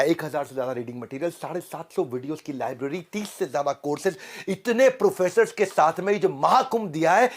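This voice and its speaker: A man delivers a dramatic, energetic sales pitch, driving it with punchy slogans and rhyming lines. His voice is a bit high and swings widely in pitch. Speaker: motivational speaker.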